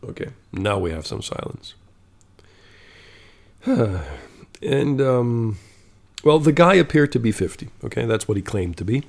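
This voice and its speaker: A man's voice: medium pitch, big pitch swings, a little slow, creaky, pauses often. A man telling a story in a casual monologue, blunt and profane, growing exasperated and checking in with "okay?".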